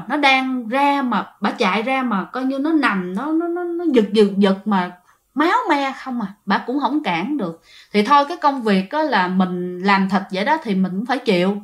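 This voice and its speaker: Woman, ghost story teller, chatty and direct with listeners, a bit high-pitched. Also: fairly bright tone. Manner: chatty, addresses listeners, many fillers. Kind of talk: told ghost story narration.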